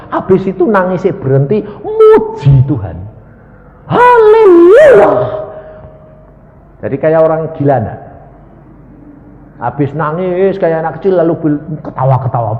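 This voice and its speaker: A male evangelist preaching, dramatic and swinging from hushed to loud. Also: a little high, dull audio, slight background noise. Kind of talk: sermon. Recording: echoey hall with reverb.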